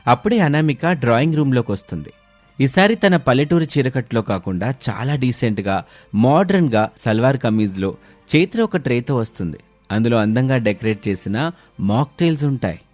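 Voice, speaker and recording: A man narrating a scripted cartoon story in a steady storytelling manner. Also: medium pitch, a little fast, faint music behind. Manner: even, storytelling delivery.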